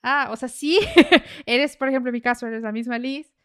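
A woman's voice: sits high, moderate pace, smooth. A Mexican woman hosting a podcast, chatting casually with lots of fillers and little laughs. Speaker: podcast host.

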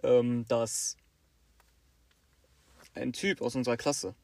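A man's voice: slow pace, vocal fry, dry recording. A young man, casually telling a story and acting out the people in it. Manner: animated, acts out quoted teachers with louder higher bursts. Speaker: podcast co-host.

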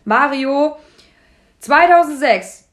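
A woman's voice: sits high, expressive, slow pace. A woman co-hosting a casual chat, recapping a reality show in a blunt, sarcastic, slangy way. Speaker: podcast co-host.

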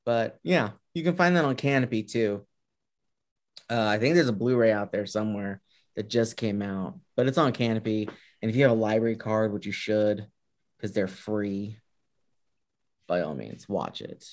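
A man's voice: fairly low pitch, moderate pace. A man hosting a film podcast, chatting casually about movies he recommends. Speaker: podcast host.

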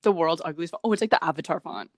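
With a low, darkish voice and a racing pace, this young podcast co-host keeps things casual, giggling a lot and meandering through filler words. The recording is dry and studio quality.

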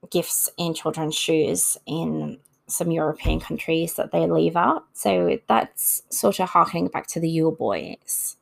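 A woman hosts an informal folklore talk, reading from notes and tossing in casual asides as scripted narration. Her voice sits low with vocal fry, and the audio quality is poor.

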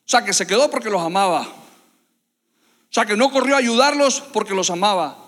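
Male preacher, high voice, fervent sermon, long church reverb. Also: animated, moderate pace. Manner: impassioned, builds to loud repetitive emphasis. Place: church hall.

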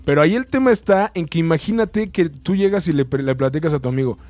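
A man with a Mexican accent in casual conversation, relaxed and rambling, full of slang and restarts. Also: fairly high pitch, fast talker, soft background music. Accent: Mexican Spanish. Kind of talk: casual chat.

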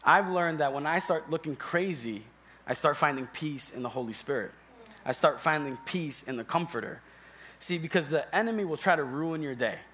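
Young man, church elder, sermon, chatty and joking, slightly high voice, faint background noise. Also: normal speed, bright, forceful tone. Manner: conversational, joking, calls on the congregation. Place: church sanctuary.

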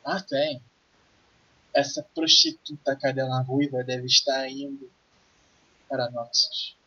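A man with a Brazilian accent voicing a brash, ruthless, husky pirate schemer in an improvised tabletop game. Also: mid-range voice, expressive, takes it slowly, sharp tone, exaggerated voice. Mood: conspiratorial. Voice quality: husky, raspy. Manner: crude, conspiratorial. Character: brash, ruthless male pirate plotting a kidnapping. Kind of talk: improvised tabletop role-play. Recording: dull, lo-fi voice recording.

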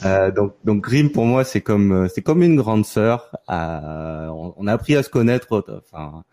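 A man, hosting a casual podcast chat and talking in a relaxed way with many fillers and restarts. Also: fairly low pitch, a little slow, no echo, clean studio sound. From France, near Marseille. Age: 30s. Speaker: podcast host.

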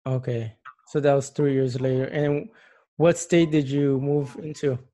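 A man's voice: mid-range voice, steady tone, unhurried. A man interviewing a guest and drawing her out with short, prompting questions. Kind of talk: personal interview.

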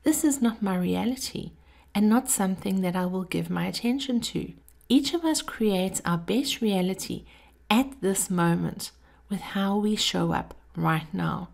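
Breathy and often close to a whisper, a woman's voice carries a scripted motivational podcast monologue. She is intimate and measured, with a medium pitch and a somewhat dark tone.

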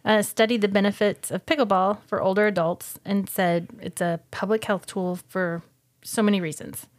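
A middle-aged woman co-hosts a relaxed podcast, patiently walking through facts and figures while her partner jokes. Her voice sits at an ordinary middle pitch. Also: normal speed. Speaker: podcast co-host. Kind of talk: casual chat.

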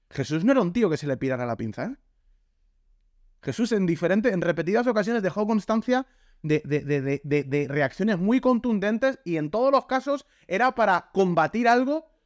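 A man with a Spain Spanish accent giving a lively, jokey sermon and acting out the voices he quotes. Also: high-pitched, no echo, studio quality. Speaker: pastor.

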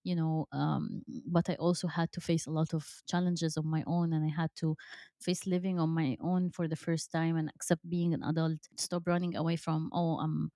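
A woman's voice: sits low, little pitch movement, moderate pace, warm tone, no echo, studio quality. A woman in her thirties hosting an interview, chatty with many fillers and restarts. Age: 30s. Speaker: host. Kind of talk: conversational interview.

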